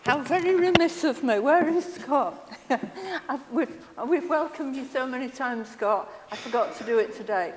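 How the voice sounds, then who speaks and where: A woman's voice: sits high, expressive, unhurried, few pauses. A woman council leader speaking playfully and mocking herself. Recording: far off in echoey chamber, noisy.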